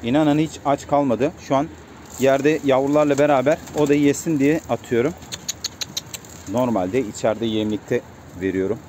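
A pigeon keeper vlogger with a warm, mid-range voice speaks at a normal pace, chatting to his viewers and repeatedly calling to coax his birds. There's slight background noise along with the cooing of pigeons.

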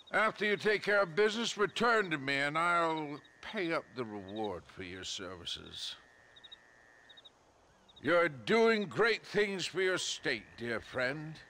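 Pompous, animated old political fixer. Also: male voice, mid-range voice, slight background noise, exaggerated voice. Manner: pompous, wheedling, theatrical. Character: scheming, smooth-talking older political fixer of the Old West. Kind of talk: western video game character acting.

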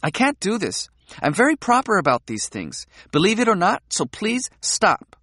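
A man's voice: high-pitched, normal speed, breathy edge, no echo, clean studio sound, voice pushed up, exaggerated voice. A man reading an audiobook, voicing a frank, playful young woman who teases and provokes. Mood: dreamy, playful. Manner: teasing, provocative, animated.

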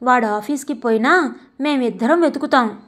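Meek, soft-spoken old father, slow and humble, read by a woman narrator; story reading. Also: high-pitched. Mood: gentle. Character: older father, gentle and humble.

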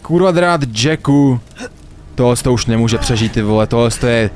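A young man commenting on his own gameplay in a let's play, animated, swearing and laughing often. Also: mid-range voice, slight background noise. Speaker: gamer, let's play host.

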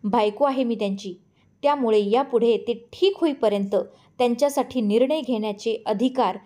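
A woman reading a story aloud, voicing a calm, firm young woman teacher who speaks steadily. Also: fairly high pitch, moderate pace, close to an everyday voice. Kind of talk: audiobook character voice.

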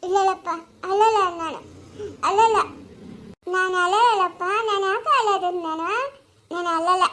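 A woman's voice: very high-pitched, normal speed, pauses often, fairly bright tone, a little hiss or hum. A woman playing a simple-minded young daughter who lisps and pleads earnestly in a family skit. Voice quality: lisping, childlike speech.

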